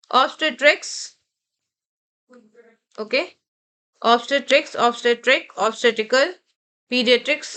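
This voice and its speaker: A woman's voice: a little high, sharp tone, smooth. An Indian woman teaching a vocabulary lesson, explaining and repeating each word carefully. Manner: explains word by word, slowly spelling and repeating terms.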